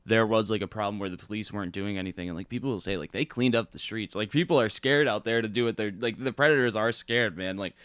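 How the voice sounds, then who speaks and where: Smooth, low-voiced laid-back man on a podcast. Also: fast talker, hardly any pauses, no echo, clean studio sound. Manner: laid-back, agreeable, mumbles quietly at times. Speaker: podcast co-host. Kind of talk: casual chat.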